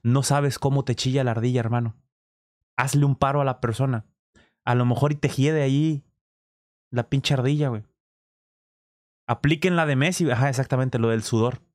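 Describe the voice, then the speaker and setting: A man's voice: mid-range voice, normal speed, long pauses, no echo. Man, Mexican accent, streamer reacting to a clip, swears a lot, dry close sound. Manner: crude slang, swearing, animated demonstrations. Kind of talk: casual reaction commentary.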